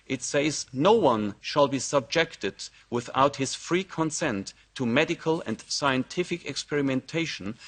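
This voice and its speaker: A man's voice: medium pitch, a bit bright. A man with an ordinary mid-range voice reads a formal prepared speech. He is earnest and declamatory. He builds toward a rallying call. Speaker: presenter of an initiative.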